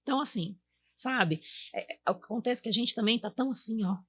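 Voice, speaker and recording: Husky-voiced Brazilian woman chatting. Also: on the high side, expressive, fairly quick. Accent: Brazilian Portuguese. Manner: warm storytelling, acts out quotes to her kids. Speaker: guest. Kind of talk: casual chat.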